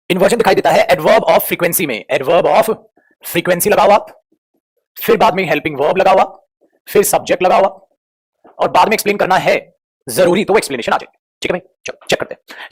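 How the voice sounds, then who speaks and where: Fast-talking husky male teacher. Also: high-pitched. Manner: affectionate, coaxing, addresses students as children. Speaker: English grammar teacher. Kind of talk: online classroom lesson.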